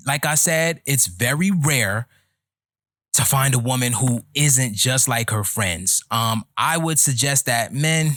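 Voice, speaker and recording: Brief: man, 30s, podcast host, mid pitch, dry close sound, opinionated and lecturing. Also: bright, forceful tone, no echo. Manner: opinionated, lecturing, slow deliberate delivery. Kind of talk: casual podcast chat.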